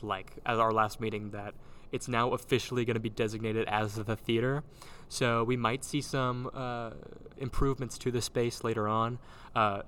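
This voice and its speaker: A man hosting a casual chat in a halting, circling way, recorded in a large old gym with big-hall echo. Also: medium pitch, a bit bright, smooth. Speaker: podcast host and theater director. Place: large old gymnasium used as a theater, indoors. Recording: roomy big-hall echo, background noise.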